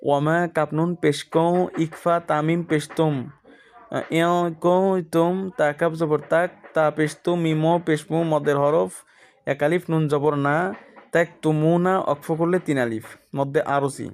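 In a fairly high, flat voice, a man leads a careful Quran reading lesson. He sounds out Arabic letters and their vowel marks individually, at a slow, drilling pace.

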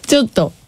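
A woman in her twenties hosts a radio show from a studio, chatting casually and reading listener messages. Originally from Nishinomiya, Hyogo, Japan, she speaks with a Kansai accent, laughs often and drawls some words. There's no room sound.

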